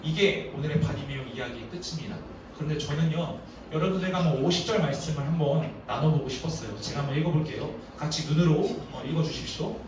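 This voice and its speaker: A man who is a youth pastor, preaching a storytelling sermon in a lively manner and acting out the quotes, recorded from a distance in a very echoey church. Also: fairly high pitch, fast. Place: church sanctuary. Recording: very echoey hall, distant mic, faint noise.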